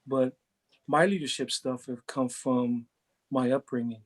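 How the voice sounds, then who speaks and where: A man's voice: medium pitch, steady tone, unhurried. A middle-aged man from Hawaii, a head football coach, answering interview questions in an earnest, reflective way, often repeating words as he thinks. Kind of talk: interview answers, casual chat.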